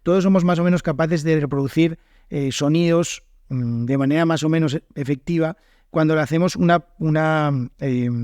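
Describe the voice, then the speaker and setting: A man's voice: on the high side, darkish tone, no echo, studio quality. A man from northern Spain with a northern Spanish accent, hosting an unscripted podcast as a Spanish teacher and talking thoughtfully, with frequent fillers and self-corrections. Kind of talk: solo podcast monologue.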